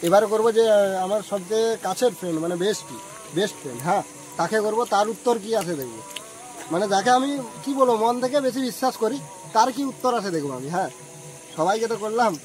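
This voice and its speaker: A man's voice: high voice, animated, fast talker, darkish tone, a little hiss or hum, low-quality recording. A man hosting casually, putting insistent questions to his friends. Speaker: host making prank calls to friends. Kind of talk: casual chat.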